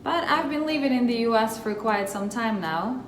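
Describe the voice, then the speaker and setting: A woman's voice: on the high side, expressive, moderate pace. A woman from Russia with a Russian accent, hosting her own channel and explaining a topic in a chatty, friendly way straight to the viewer. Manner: chatty, friendly direct address. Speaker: channel host. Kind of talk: casual explainer vlog. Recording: roomy echo with faint music.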